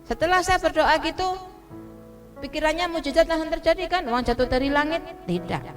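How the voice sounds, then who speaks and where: Indonesian woman preaching, fairly high voice. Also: expressive, brisk, faint music behind. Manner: switches between Indonesian and English, translating herself; addresses listeners directly, checks they understand. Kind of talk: sermon testimony. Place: church.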